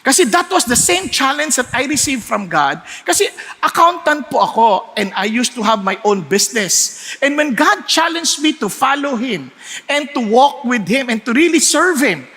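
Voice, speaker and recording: A male preacher with a very high, bright voice gives a lively sermon. He moves freely between Tagalog and English and acts out his stories with frequent laughs. His voice echoes with the long reverb of a church hall. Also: normal speed.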